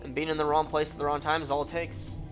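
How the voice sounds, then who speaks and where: A man's voice: a little high, flat delivery, quick pace, over music, lightly acted. A man reading out a stern adult female cop aunt from a video game, in a grave, warning tone. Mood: ominous.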